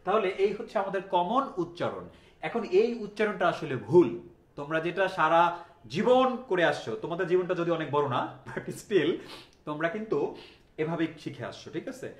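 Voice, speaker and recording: A man from Bangladesh teaches a class, with a voice that sits high for a man. He drills sounds over and over and keeps quizzing his students. The room is echoey. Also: animated, fairly quick. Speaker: English teacher. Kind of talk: classroom lesson.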